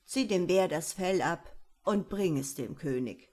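A woman doing a low-voiced old forest mannikin. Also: animated, unhurried, dark tone. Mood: instructing. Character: old grey little man, forest helper, calm and wise.

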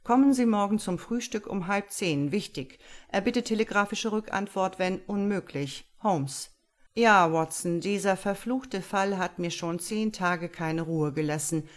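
Woman voicing a brisk, confident master detective. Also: medium pitch, lightly acted.

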